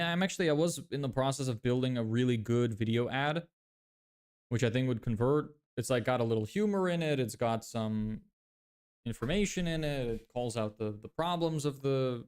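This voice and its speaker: A Lithuanian man in his twenties, building a business, lays out his plans on a casual livestream, pausing to read and answer viewer questions as they arrive. His voice is smooth, clear, a little mellow, and middle-pitched. He thinks aloud, uses lots of fillers, and often corrects himself mid-sentence.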